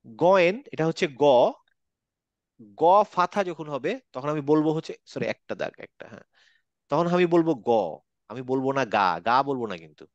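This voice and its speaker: A man's voice: a little high, brisk, dry recording, lo-fi sound. A man teaching a Quran recitation class online, explaining and repeating letter sounds patiently, mixing English words into his talk.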